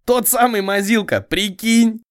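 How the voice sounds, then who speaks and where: A man voicing a small, shifty young street thug who jeers in a shrill, high voice. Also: measured pace, smooth, dry recording, studio quality. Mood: jeering. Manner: shrill, jeering.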